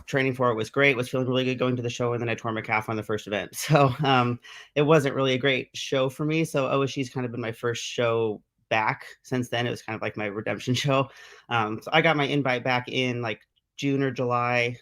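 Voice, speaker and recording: A man, a strength athlete, talking as a guest on a casual video call interview in a relaxed, matter-of-fact way. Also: medium pitch, brisk. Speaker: pro strongman athlete, guest.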